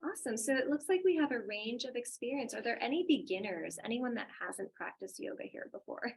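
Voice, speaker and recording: A woman's voice: on the high side, expressive, brisk, creaky, breathy edge, poor audio. A woman from Germany presenting informally and upbeat as a yoga teacher and webinar host. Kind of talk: casual presenting and personal storytelling.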